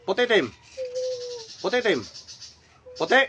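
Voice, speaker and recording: A man's voice: high-pitched, animated, moderate pace, background noise. A middle-aged man, a folk healer, commanding a spirit during a healing ritual and sharply demanding answers over and over.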